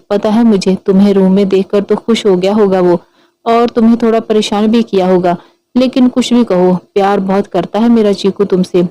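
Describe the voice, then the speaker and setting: A woman voicing an elderly grandmother who is affectionate and gently teasing. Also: mid-range voice, close to an everyday voice, poor audio. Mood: tender. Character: elderly loving grandmother, fond and fussing.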